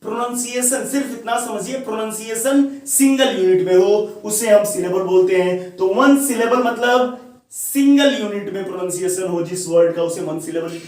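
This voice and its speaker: Hindi-speaking teacher in an echoey room. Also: male voice, high-pitched, moderate pace, darkish tone. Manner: questions the viewer often and answers himself, repeats key words. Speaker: English teacher. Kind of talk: classroom-style grammar lesson. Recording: very echoey room, voice far from the mic.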